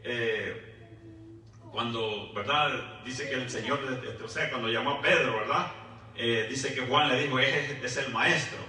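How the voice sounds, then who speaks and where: A man preaching a sermon, often adding "right?" and praise asides, with halting repeated words. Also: mid-range voice, pushed and bright. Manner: frequent "¿verdad?" and "gloria a Jesús" asides. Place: church hall. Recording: echoey church, mic at a distance.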